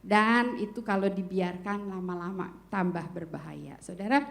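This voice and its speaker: A woman's voice: mid-range voice, moderate pace, creaky, no echo. A middle-aged woman speaking at a church family seminar in a chatty, playful way, often addressing the audience directly. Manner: lively, playful humor.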